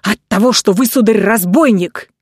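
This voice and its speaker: A woman's voice: medium pitch, normal speed, darkish tone, slightly rough, no room sound, studio quality, natural voice. A woman reading the part of a nervous, desperate male naval officer, with a ringing, agitated, faltering voice.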